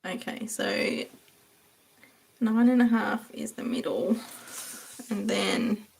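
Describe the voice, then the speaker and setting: A young woman hosts a relaxed livestream, chatting as she goes and giggling often. Her voice has a touch of gravelly fry, and she answers viewers by name in a friendly, rambling way. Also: medium pitch, takes it slowly. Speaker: livestream host. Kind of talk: casual livestream chat while journaling.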